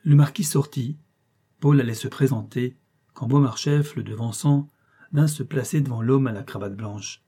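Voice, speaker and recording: Man, audiobook narration, measured, expressive, mellow, husky. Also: mid-range voice.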